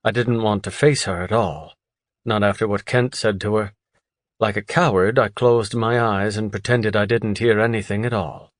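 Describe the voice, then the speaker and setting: A man narrating an audiobook in a steady, even first-person storytelling voice. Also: lowish voice, normal speed, no echo, studio quality. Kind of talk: scripted narration.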